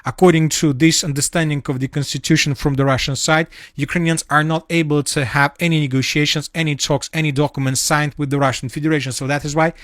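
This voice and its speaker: A man with a manner giving a solo spoken analysis of war news, halting often with fillers and restarts. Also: a little high, steady tone, a bit bright, no room sound, clean studio sound. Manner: halting, many fillers and restarts, non-native phrasing.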